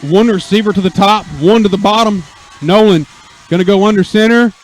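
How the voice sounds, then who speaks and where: A man doing folksy live American football radio play-by-play, with excited, drawn-out touchdown calls. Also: high-pitched, low-quality recording. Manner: folksy exclamations and asides. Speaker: play-by-play sports announcer.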